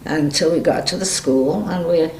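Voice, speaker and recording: A woman's voice: deep voice, moderate pace, a little mellow. An elderly woman recalling her youth in a plain, matter-of-fact way during an oral history interview. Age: 70s or older. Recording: echoey room with faint noise.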